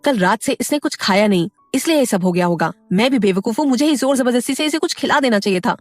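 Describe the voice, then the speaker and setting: A woman's voice: on the high side, animated, fast talker, no room sound, faint music behind. A woman voicing a worried young female friend who blames herself.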